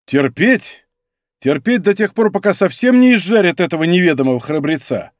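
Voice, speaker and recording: A male narrator puts on a hot-headed young musketeer from an audiobook. He talks with fiery exclamations, his lively voice leaping high and dry. The temper never fully cools. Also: normal speed, no echo. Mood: indignant.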